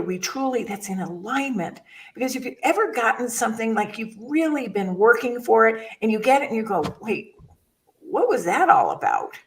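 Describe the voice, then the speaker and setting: A woman's voice: a little high, recorded from a distance, rough recording. An older woman, a guest chaplain, chatting casually and telling rambling stories that she often breaks off and restarts. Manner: storytelling, rambling, self-interrupting. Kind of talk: casual conversation.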